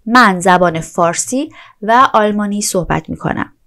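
Woman from Iran, online language teacher, middle pitch, brisk explanations, slow careful repeated words. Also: bright, forceful tone. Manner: explains quickly, then says each foreign word slowly twice.

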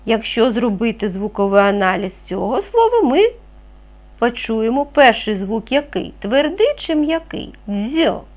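A woman teaching a reading lesson to young children, speaking clearly and patiently, asking them questions as she goes. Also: on the high side, sing-song, unhurried. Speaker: primary school teacher.

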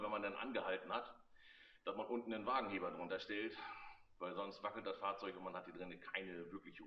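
Brief: man, 30s, low voice, chatty and wry tour guide, slightly muffled recording. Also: fairly bright tone. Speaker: club member presenting a vehicle collection. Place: large indoor exhibition hall. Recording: slightly dull, lo-fi sound.

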